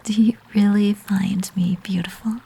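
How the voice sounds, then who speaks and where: Woman as a breathy, flirty succubus, whispered role-play. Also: mid-range voice, steady tone, moderate pace. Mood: tender, shy. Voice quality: breathy, soft. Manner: teasing, intimate, coaxing.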